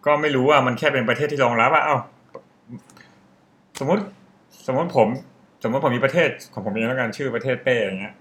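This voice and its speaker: A man's voice: mid-range voice, fairly quick, pauses often, a bit bright. A young man chatting on a podcast, talking through a topic in a loose, rambling way. He often admits he is guessing and carries on explaining in an easygoing, conversational voice. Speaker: podcast co-host. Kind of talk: casual podcast chat.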